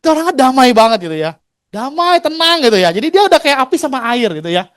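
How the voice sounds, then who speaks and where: Man, 40s, rapid and animated motivational storyteller, slangy, acts out quotes. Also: very high voice. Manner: chatty, slangy, acts out quoted dialogue, laughs often. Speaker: insurance agent sharing his career story.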